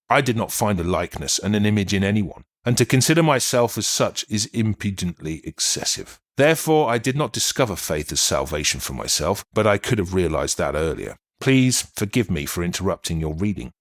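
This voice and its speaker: Brief: male narrator as a sad, apologetic ghost of a writer, low-pitched, musing, lively phrasing. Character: spirit of a dead male writer and doctor, weary, melancholy. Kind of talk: audiobook reading of a channeled letter.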